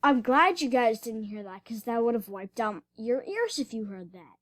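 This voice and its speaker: A woman's voice: on the high side, very animated, moderate pace, no echo. A woman doing casual reaction commentary, giggling and retelling each clip in a rambling way. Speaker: reaction vlogger.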